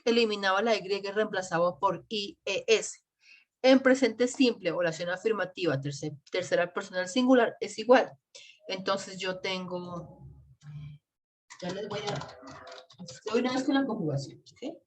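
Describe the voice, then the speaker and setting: An English teacher with a medium-pitched, slightly slow voice teaches an online class over a computer mic, patiently spelling out letters and repeating examples for her students.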